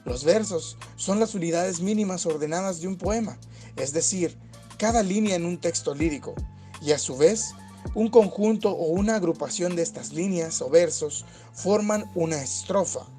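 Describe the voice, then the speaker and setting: A man giving calm, scripted educational narration for a lesson video, explaining steadily. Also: high voice, normal speed, faint music behind.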